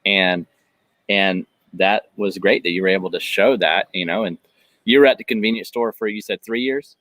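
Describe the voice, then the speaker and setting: A podcast host conducts a conversational interview, affirming his guest and rambling with frequent restarts. He speaks low at a moderate pace, with a fairly bright tone and no echo.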